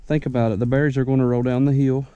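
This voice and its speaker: A man's voice: medium pitch, little pitch movement, racing, warm tone, clear, resonant tone, no room sound, lo-fi sound. A young man, out of breath, giving folksy, rambling how-to tips outdoors on a wooded mountainside. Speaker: ginseng hunter vlogger. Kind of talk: casual outdoor how-to vlog.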